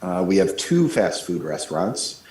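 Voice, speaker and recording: A man calling in to a council meeting by phone, making an earnest, measured case. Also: low-pitched, big pitch swings, a little mellow, roomy sound. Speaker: caller giving public comment. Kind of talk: call-in public comment. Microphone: phone call.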